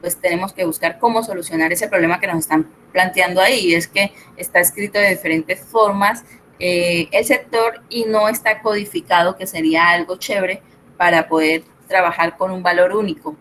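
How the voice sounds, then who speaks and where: A woman's voice: lowish voice, fairly even intonation, normal speed, fairly bright tone, slight background noise, rough recording. A middle-aged woman, tutoring an online spreadsheet class, explaining step by step and checking in with her students. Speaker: Excel tutor.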